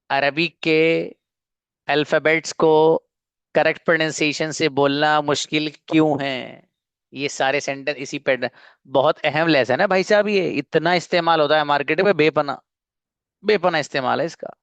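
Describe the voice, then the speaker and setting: Clear-voiced male online English teacher. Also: fairly high pitch, dry recording, lo-fi sound. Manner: drills sentences slowly, calls on students one by one.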